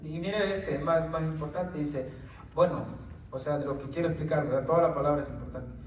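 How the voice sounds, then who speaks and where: A man's voice: a little high, steady tone, fairly quick, darkish tone, slight background noise. A male preacher giving an informal Bible teaching to a small group, often tagging his lines with "right?" and "brother" and stumbling over words. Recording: echoey room, distant mic.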